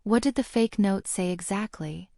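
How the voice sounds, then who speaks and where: A woman's voice: medium pitch, moderate pace, creaky, dark tone, dry recording, studio quality. A woman doing Draco, a bored sneering schoolboy. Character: haughty young aristocratic schoolboy, coolly sneering. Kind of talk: audiobook character reading.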